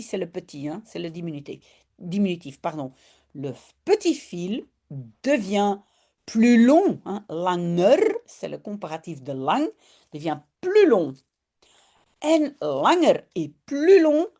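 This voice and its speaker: A woman with a Belgian French accent, teaching a reading lesson and explaining each line slowly, with many fillers. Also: fairly low pitch, mellow. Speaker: language teacher.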